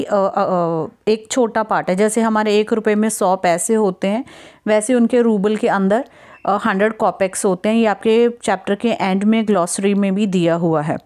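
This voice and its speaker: A woman tutor talking through a school story for exam prep. She switches between Hindi and English, reads the English lines slowly, then explains them at an even pace. She keeps checking that her students are following. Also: medium pitch. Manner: checks in with listeners often ("theek hai"). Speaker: English teacher.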